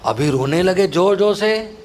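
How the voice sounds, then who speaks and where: Casting: male preacher, animated storyteller, slightly high voice, mixes in English words. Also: normal speed. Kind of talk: devotional storytelling talk.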